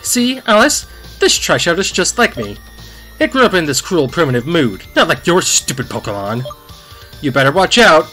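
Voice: medium pitch, sing-song, moderate pace, pushed and bright, soft background music, voice pushed up. Someone putting on a theatrical, menacing villain shadow double. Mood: menacing contempt. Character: bitter, jealous shadow double, menacing and unhinged.

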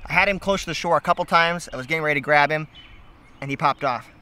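A young man vlogging a fishing trip outdoors, talking in an animated way and exclaiming often. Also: fairly high pitch, fast. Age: young adult. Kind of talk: excited outdoor vlog commentary. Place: outdoors by a river and creek. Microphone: action camera on the body and at arm's length. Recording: faint outdoor noise from an action camera.

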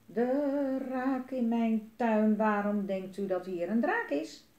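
A woman voicing a cowardly male mayor with a squeaky, nervous, blustering voice, in a roomy space. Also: slow, a little mellow, highs cut off. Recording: roomy echo.

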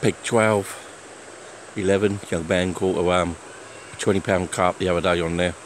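A plain-spoken man with a lowish voice talks unhurriedly while walking by a lake. He is recorded outdoors on a handheld phone camera, with faint outdoor noise behind him. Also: flat delivery, moderate pace, low-quality recording. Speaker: angler filming his fishing trip. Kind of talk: casual walk-and-talk vlog.

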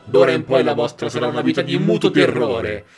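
A man voicing a grandiose, cruel evil duke from a video game in a theatrical, booming way. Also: very slow. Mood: menacing. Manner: theatrical, booming villain speech. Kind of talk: video game dialogue read aloud. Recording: game music playing behind. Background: video game music.

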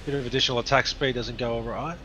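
A man's voice: mid-range voice, fairly even intonation, rapid-fire, bright, forceful tone. A man co-commentating a game in casual banter, joking, swearing freely and tripping over his words.

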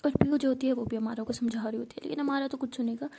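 A woman narrating a story in a rapid, breathy whisper. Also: high voice, fairly even intonation, mellow.

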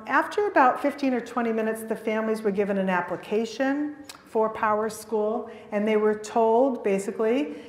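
A middle-aged woman giving an earnest, animated conference talk at a podium mic in a large auditorium. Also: medium pitch. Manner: earnest and animated, with frequent restarts. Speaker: keynote speaker. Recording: echoey hall with long reverb.

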